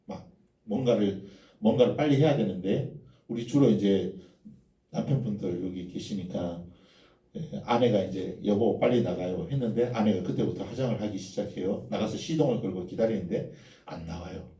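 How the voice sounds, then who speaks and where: A man's voice: lowish voice, moderate pace, warm tone. Man, sermon, storytelling, far from the mic, echoey church hall. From Gyeongsang, South Korea. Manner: storytelling, addressing the congregation. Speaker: preacher.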